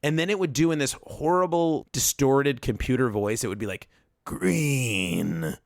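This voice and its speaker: A man's voice: mid-range voice, expressive, brisk, dry recording, studio quality. A man on a podcast telling a long, rambling story, often breaking off and circling back. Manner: rambling storyteller, self-interrupting. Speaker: podcast co-host. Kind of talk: casual podcast chat.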